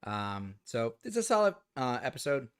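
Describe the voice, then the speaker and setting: A man's voice: medium pitch, very animated, normal speed, clear, resonant tone. Easygoing man hosting a review chat. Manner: easygoing, leads the discussion and asks for ratings. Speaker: host. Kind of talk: casual watch-party chat.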